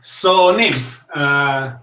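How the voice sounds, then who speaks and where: Spanish-accented male host, young, slightly high voice, slow and hesitant, roomy distant sound. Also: pushed and bright, a little hiss or hum. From Spain. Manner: hesitant, many fillers and restarts. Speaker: talk show host. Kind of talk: casual live-stream talk show. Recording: echoey room, voice set back from the mic.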